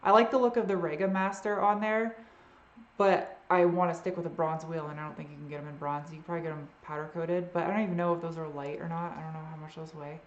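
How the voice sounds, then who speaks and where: A woman's voice: deep voice, fairly even intonation, fast talker, reverberant, dull audio. A woman with a trace of a Boston accent hosting a live Q&A, chatting casually and trailing off often as she answers viewer questions. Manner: rambling and unsure, often trailing off.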